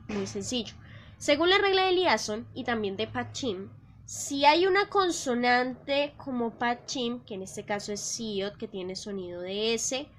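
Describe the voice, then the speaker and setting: A woman's voice: on the high side, a bit bright, a little hiss or hum. A young woman teaching an online language class, explaining rules patiently and checking in with her students. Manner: patient, repeats key points and checks in with "¿listo?".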